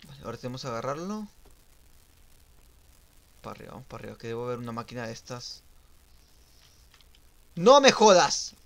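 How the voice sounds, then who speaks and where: A young man streaming a game, giving casual live commentary that swings from muttering to sudden shouts and sing-song teasing. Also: medium pitch, very fast, creaky, long pauses. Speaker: gaming streamer.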